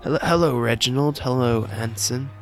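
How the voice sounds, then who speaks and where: A man plays a tabletop game in character, stammering and doubling back on his words. His voice is mid-pitched and ordinary. Faint music plays behind him. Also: moderate pace. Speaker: player.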